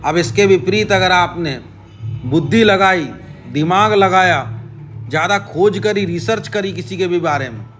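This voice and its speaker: Man giving astrology advice in rapid lists. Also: high-pitched, fairly bright tone, faint music behind. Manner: repetitive, direct address to viewer with frequent "ठीक है?"; listing advice in short chanted phrases. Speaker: astrology channel host. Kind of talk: casual astrology explainer.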